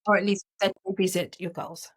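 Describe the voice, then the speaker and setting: A woman co-hosting a coaching podcast, explaining ideas earnestly in a relaxed conversational way, often restarting her sentences. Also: medium pitch, brisk, breathy edge.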